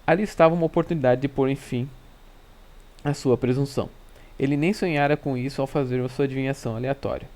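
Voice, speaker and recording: A man reading a classic novel aloud in a steady, measured first-person narration. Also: medium pitch.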